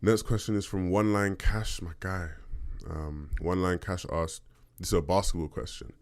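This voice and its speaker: Man with a very deep bass voice. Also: fairly even intonation, normal speed. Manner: conversational, checks in with "right?". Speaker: podcast host. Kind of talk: casual solo talk, answering listener questions.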